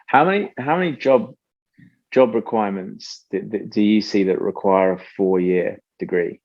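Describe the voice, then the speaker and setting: A male guest founder talks in an animated, tangential way, often laughing mid-thought. His voice is fairly low and comes through dull lo-fi remote audio. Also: moderate pace. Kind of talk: casual interview conversation.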